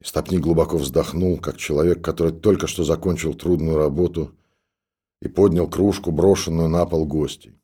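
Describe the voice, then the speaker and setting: A man reading a story aloud in steady, measured audiobook narration. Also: rumbling low, husky.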